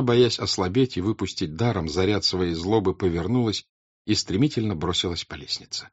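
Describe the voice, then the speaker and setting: Husky, low-voiced male narrator. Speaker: audiobook narrator. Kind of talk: scripted literary narration. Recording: slightly dull, dry recording.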